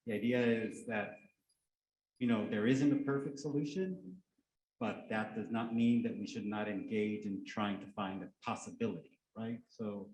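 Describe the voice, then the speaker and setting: Low-voiced man in an echoey room. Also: moderate pace, a little mellow. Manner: conversational, checks in with "right?". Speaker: panelist. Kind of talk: panel discussion. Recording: echoey room with light background noise.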